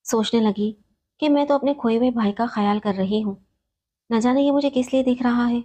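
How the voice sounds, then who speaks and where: A woman telling an emotional story in the first person, reading in a steady, sorrowful way. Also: on the high side.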